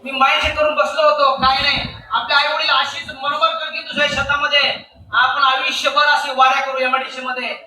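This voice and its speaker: A man giving a rousing motivational training talk to an audience, firing questions at the crowd and demanding louder answers. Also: extremely high pitch, flat delivery, fairly quick, far from the mic, a little hiss or hum. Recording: echoey hall, speaker off the mic.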